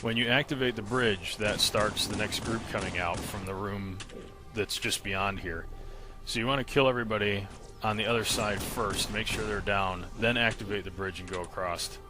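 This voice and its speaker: Steady in tone and lowish in pitch, this man narrates a game walkthrough at a normal pace, breaking things down step by step in a casual manner. The background carries gunfire and music from the game.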